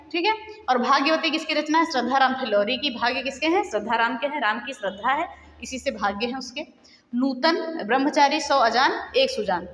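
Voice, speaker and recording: एक महिला शिक्षिका परीक्षा की तैयारी का पाठ पढ़ाती है, तेज़ी से सूची पढ़ती है और बीच-बीच में श्रोताओं से सवाल पूछती है।. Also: female voice, high-pitched, fairly bright tone. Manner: brisk list-reading with quiz questions to viewers. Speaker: teacher. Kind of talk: exam-prep lesson. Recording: echoey room with long reverb.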